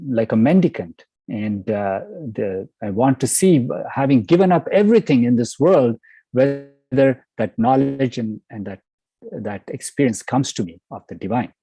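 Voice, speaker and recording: A man's voice: medium pitch, lively intonation, moderate pace, dark tone, slightly rough, no echo. A man voicing a former king turned forest hermit, growing exasperated as he insists he has given everything up. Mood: earnest. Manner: storyteller quoting, rising in exasperation.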